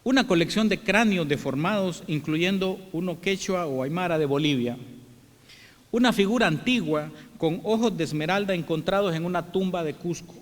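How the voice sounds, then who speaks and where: A man from El Salvador giving a formal welcome address as president of an international congress, telling the story in a measured, reflective way. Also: high-pitched. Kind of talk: formal speech. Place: large theatre hall. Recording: long hall reverb.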